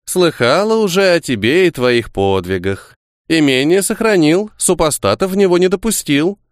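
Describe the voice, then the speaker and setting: A man voicing an elderly noble countess who gives orders in a brisk, old-fashioned way. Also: a little high, lively intonation, no room sound, clean studio sound, voice pushed up, natural voice. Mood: commanding. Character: elderly noble countess, commanding, gruff but kind.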